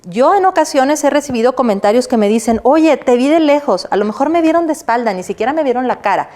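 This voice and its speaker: A middle-aged woman, a university lecturer giving a recorded online lesson. She asks her listeners questions, answers them herself, and keeps checking in with a quick "right?". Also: a little high, expressive, a little mellow.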